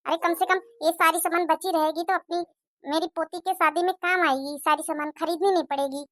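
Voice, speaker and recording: A woman's voice: very high-pitched, fairly even intonation, fairly quick, no room sound, studio quality. A woman voicing a scolding, stingy middle-aged mother-in-law who nags and complains. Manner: nagging, scolding.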